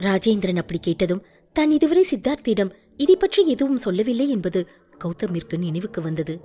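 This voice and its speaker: A woman narrating an audiobook with expressive storytelling. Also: medium pitch, a little fast.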